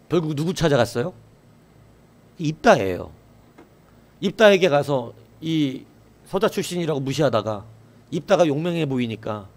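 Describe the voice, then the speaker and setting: A man preaches to his congregation in a fairly high voice whose pitch rises and falls all the time. He keeps asking questions of the listeners and then supplies the answers himself. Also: darkish tone. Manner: acts out quoted voices in a raised voice. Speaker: pastor. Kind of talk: sermon.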